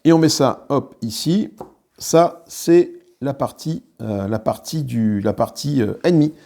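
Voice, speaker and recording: A man with a warm, mid-range voice and some vocal fry hosts a board game channel, taking his time as he walks viewers through a solo playthrough. He explains the card rules while handling the components, with lots of fillers and restarts.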